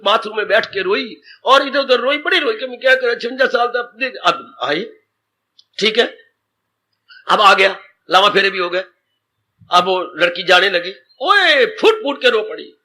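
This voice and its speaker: A man gives a sermon as a swami, speaking with a tinge. His voice is very high and piercingly bright. He tells stories in an animated way and speaks directly to his listeners. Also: normal speed. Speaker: swami preacher.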